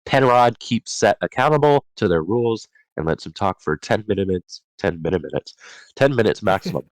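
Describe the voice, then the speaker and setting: Low-voiced man reading notes aloud. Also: animated, normal speed, no room sound, poor audio. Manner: reads from notes, stumbles and corrects himself. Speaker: podcast host reading chapter summaries. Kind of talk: casual book discussion.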